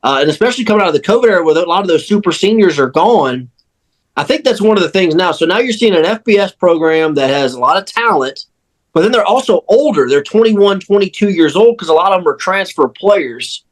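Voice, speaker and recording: This sports radio crew member and panelist speaks on a podcast in a casual, emphatic way, repeating phrases for emphasis. He has a high-sitting, expressive voice and a brisk pace.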